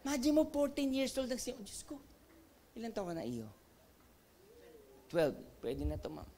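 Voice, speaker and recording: Filipino guy giving a pep talk to a crowd, kinda high voice, acts out every bit of dialogue. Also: normal speed. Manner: animated storytelling, acts out dialogue with laughs. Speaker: network marketing company president. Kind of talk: motivational seminar talk.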